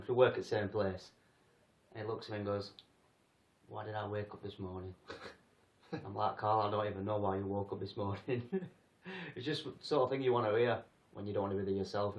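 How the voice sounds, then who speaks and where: A man's voice: lowish voice, steady tone, fairly quick. A man from England hosting a casual livestream chat, rambling and joking about himself. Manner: rambling, jokey, self-deprecating. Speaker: paranormal group host. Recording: roomy, distant, dull sound.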